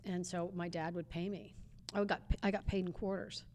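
A woman guest telling lively stories in a casual interview, laughing often and acting out what people said. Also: on the low side, brisk. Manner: animated storyteller, laughs often, acts out quotes.

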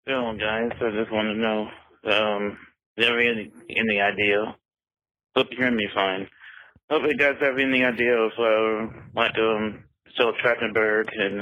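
A man leaves a rambling voicemail, stumbling over fillers and repeats. His voice is on the low side. The recording is dull and lo-fi, like a voicemail. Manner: halting, many fillers. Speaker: voicemail caller. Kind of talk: voicemail message.

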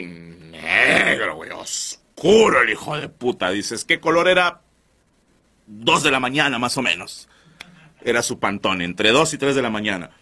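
A man's voice: medium pitch, bright, forceful tone. A man hosting a podcast, telling crude, slang-heavy comic stories and calling his listeners brothers. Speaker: podcast host. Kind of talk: comedic storytelling monologue.

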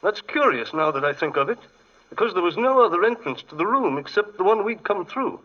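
In a muffled 1940s radio broadcast, an actor with an English accent plays an excitable, fussy English gentleman archaeologist in period radio style. His voice sits high and brisk, and he sounds apologetic and often hesitant.

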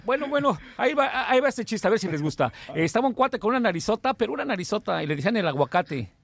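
A man's voice: high voice, very animated, quick pace, vocal fry, fairly bright tone. A man appearing as a clown guest on a live radio show, telling a joke in a playful, chuckling, mock-defensive way.

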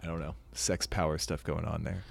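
A man co-hosting a music podcast in casual chat, speaking haltingly with many fillers. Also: very deep voice, little pitch movement, gravelly. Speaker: podcast co-host.

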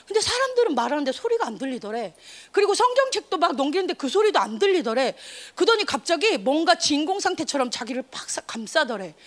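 A young woman youth pastor preaching an energetic sermon to teenagers, emphatic and animated, calling out for responses from the room. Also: sits high, fast.

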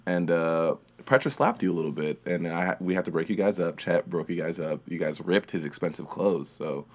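A man hosting an improvised comedy podcast, playful and quick to laugh as he questions the guests. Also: deep voice. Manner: playful, laughs often, interviewer tone. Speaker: podcast host.

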